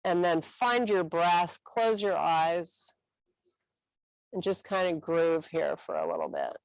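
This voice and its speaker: Woman leading a stretch class, slow and calm, bit of a gravelly edge, dry close sound. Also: on the low side, no echo, rough recording. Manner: calm, encouraging cueing with a slow, unhurried delivery. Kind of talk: guided stretching instruction.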